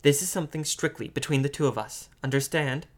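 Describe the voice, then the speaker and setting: A man's voice: fairly high pitch, a little fast, lightly acted. A man voicing a cautious, businesslike woman teacher, near his own reading voice. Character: brisk, careful woman teacher.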